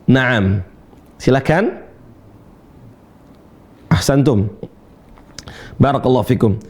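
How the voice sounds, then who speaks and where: A man with a mid-range voice teaches tajwid through call and repeat, reciting Quran verses slowly. Between counts he demonstrates letter sounds and gently encourages his students.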